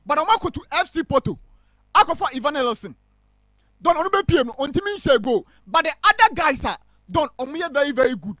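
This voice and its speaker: Male pundit, emphatic live-stream match talk, sharp high voice. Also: fairly quick, no echo. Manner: mixes English and Twi, animated and emphatic. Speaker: football pundit.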